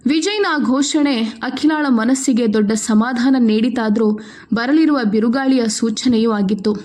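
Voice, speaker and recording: Woman storyteller, high voice, steady scripted narration.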